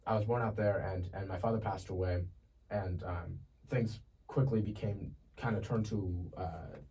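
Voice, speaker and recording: A young man from Ethiopia, a podcast guest, sharing his life story in a relaxed, chatty way. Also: on the low side, moderate pace. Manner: relaxed and chatty, laughs easily. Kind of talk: casual testimony. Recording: distant mic with faint ambient noise.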